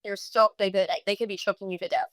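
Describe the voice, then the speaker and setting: A middle-aged woman telling a personal story in a podcast conversation, emotional and halting, quoting others as she goes. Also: medium pitch, steady tone, fairly bright tone, dry recording. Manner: emotional, halting, with many restarts and quoted speech. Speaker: guest sharing her story.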